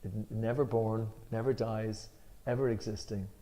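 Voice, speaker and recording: A man with an Irish accent reads a scripture commentary with emphasis and then explains it in a relaxed, somewhat filler-laden way while leading the discussion. He has a lowish voice and speaks at normal speed.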